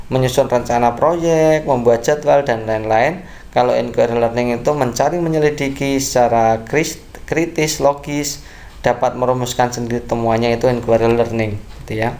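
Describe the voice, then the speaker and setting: A man's voice: mid-range voice, a little mellow. A man working through exam practice questions as an online tutor. He reads out each answer option and keeps adding a tag that asks his viewers to agree. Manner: unhurried, reads answer options aloud, often adds a tag asking for agreement. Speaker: online test-prep tutor.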